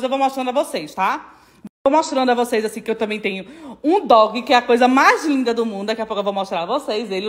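Brief: middle-aged woman vlogging on her phone, high bright voice, affectionate and repetitive. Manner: chatty, affectionate, repeats phrases, teasing laughter. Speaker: social media influencer. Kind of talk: casual selfie vlog to followers.

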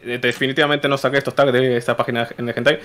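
A man's voice: medium pitch, flat delivery, very fast, a crowd in the background. A young man with an Argentine accent, presenting a slideshow on a comedy stream, joking crudely and swearing a lot. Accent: Argentine Spanish.

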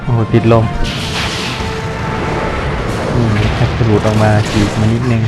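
A young man narrating his game play by play at an unhurried, drawn-out pace, breaking into sudden exclamations. His low voice stays fairly flat, with loud game music pounding behind him. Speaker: gaming channel host. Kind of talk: live gameplay commentary.

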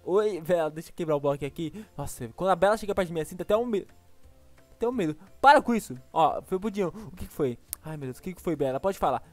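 A man with a Brazilian accent giving excited, exclaiming gameplay commentary as a gaming YouTuber. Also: on the high side, quick pace, few pauses, no room sound, soft background music. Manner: excitable, exclaiming, laughs often.

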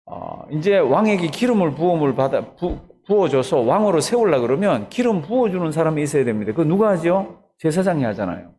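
A man's voice: on the high side, darkish tone. A man, a pastor, preaching an early morning sermon, retelling the story animatedly and asking the congregation questions.

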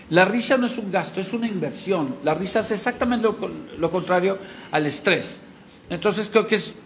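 A man's voice: fairly high pitch, slight background noise. Earnest man promoting a play. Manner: earnest, thankful. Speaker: actor at a press conference. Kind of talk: promotional talk.

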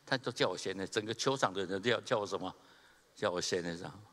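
A male pastor preaches in a lively, storytelling way, chuckling and acting out the people in his stories. His voice is bright and forceful, and it rings with the long reverb of a church hall during a Sunday service. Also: deep voice, fast. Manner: animated storyteller, chuckles, acts out quoted people. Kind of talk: sermon with humorous storytelling.

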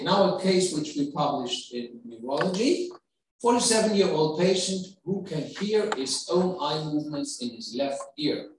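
A man's voice: fairly high pitch, a little hiss or hum. A middle-aged man with a German accent giving a medical lecture, explaining step by step and putting questions to the audience. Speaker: neurology professor giving a lecture. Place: lecture hall. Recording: echoey hall, voice from far off.

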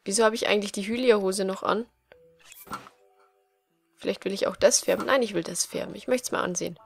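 A woman's voice: mid-range voice, brisk, creaky. Chatty woman playing over game music. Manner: chatty, playful, thinking aloud. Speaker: let's player. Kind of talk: casual gameplay commentary.

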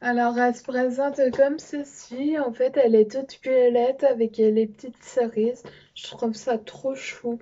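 A woman's voice: a little high, fairly even intonation, unhurried, mellow, muffled recording. A young French-speaking woman presenting makeup in a casual vlog, hesitant with many fillers. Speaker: beauty vlogger. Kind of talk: casual show-and-tell vlog.

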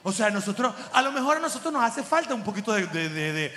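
A man delivering an animated, slangy comic monologue as host, mocking and laughing through his jokes. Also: high voice, fast. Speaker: comedian host. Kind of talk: stand-up style comic monologue. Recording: echoey room with long reverb.

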